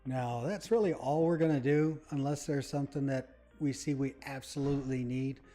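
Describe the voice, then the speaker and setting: A man's voice: mid-range voice, steady tone, normal speed, mellow. A man casually commentating his game as he plays, rambling and talking to his viewers. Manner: rambling, chatty, talks to viewers. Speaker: gaming channel host. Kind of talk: casual let's-play commentary. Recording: faint background music.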